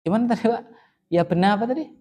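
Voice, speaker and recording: Male classroom teacher, slightly high voice, chatty and easygoing, keeps checking in with students. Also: rapid-fire, dark tone. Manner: chatty, often adds "ya kan?" and "kayak gitu". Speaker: Arabic grammar teacher. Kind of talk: casual classroom lesson with Q&A.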